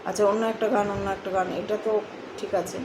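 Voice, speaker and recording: A woman giving a spiritual talk, musing slowly and breaking into song. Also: medium pitch, little pitch movement, echoey room, background noise. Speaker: host.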